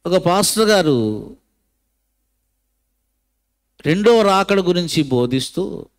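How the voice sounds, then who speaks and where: A middle-aged male pastor delivers a sermon in a fairly high voice. He tells a story, moving from quiet low passages to loud lifted ones as he acts out each character's lines. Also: expressive, slow. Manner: preaching with large swings of pitch and loudness, voicing the characters of his story.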